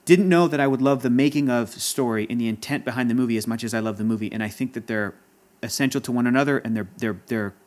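A man's voice: mid-range voice, fast talker, hardly any pauses, a little mellow. A man in casual chat as a podcast guest, talking in a passionate, rambling and emotional way. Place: Los Angeles area.

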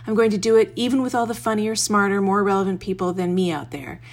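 A woman records her personal audio blog at home, tucked under a blanket in a bedroom. Her voice sits at a middling pitch. She comes across as wry and self-deprecating, like an amateur sharing her own writing. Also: fairly even intonation, quick pace. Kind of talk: reading own blog post aloud, then informal remarks.

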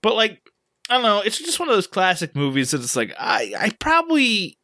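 A man's voice: sits high, huge pitch swings, fairly quick, sharp tone, no room sound, studio quality. A man co-hosting a podcast, rambling casually with a lot of fillers and restarts. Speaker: podcast co-host. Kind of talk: casual chat.

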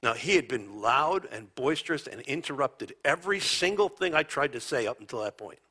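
Raspy, animated male pastor preaching. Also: medium pitch, a little fast. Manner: animated, often dropping to a hushed near-whisper. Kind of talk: conversational sermon with storytelling.

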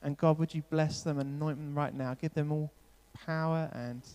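A man's voice: on the high side, steady tone, moderate pace, a little mellow, clean tone. Upbeat man on stage in a reverberant church. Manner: upbeat, loose, repeats "brilliant" and "yeah". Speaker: church leader hosting an on-stage welcome. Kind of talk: casual stage interview and spoken prayer. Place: church hall with long reverb.

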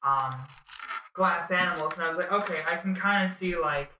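A man's voice: sits high, moderate pace, recorded from a distance, background noise. A young man hosting a casual chat, interviewing a guest in an informal way. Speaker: podcast host, interviewer. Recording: echoey room, away from mic.

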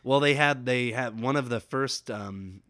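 A man's voice: medium pitch, a little slow, a crowd in the background. A man from the Cincinnati area, a podcast guest chatting casually and laughing often as he tells stories. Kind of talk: casual chat.

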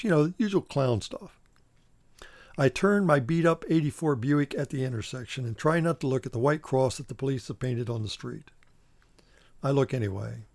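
A man's voice: medium pitch, dry recording. A man performing a one-man stage play, telling it in a wry, theatrical first-person monologue.

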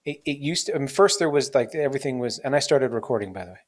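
Animated and fast-talking, this man in his forties hosts a podcast with a mid-range voice. The interview chat is casual, and he rambles, pokes fun at himself, and leans heavily on fillers.

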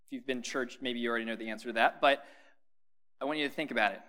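A man's voice: medium pitch, fast, bright, forceful tone. A man preaching a sermon in a conversational way, putting questions to his listeners and adding dry humor.

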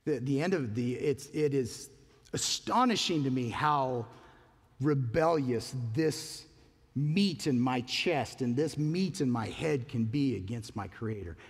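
A man's voice: mid-range voice, animated, slow pace, husky, long reverb tail. A man, a pastor, preaching a sermon in an earnest, conversational way, asking his listeners questions.

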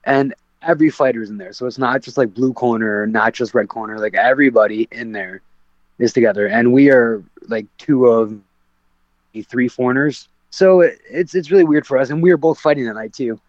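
This guest, a pro MMA fighter, talks a little fast in a medium-pitched voice while casually recounting a story for a podcast, restarting sentences and leaning on fillers. The audio is dry, dull, and lo-fi.

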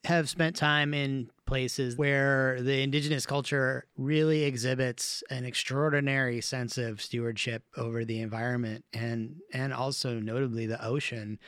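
A man from Hawaii hosting an interview, asking earnest, measured questions. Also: medium pitch, a bit bright, clear, resonant tone, dry recording. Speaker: host.

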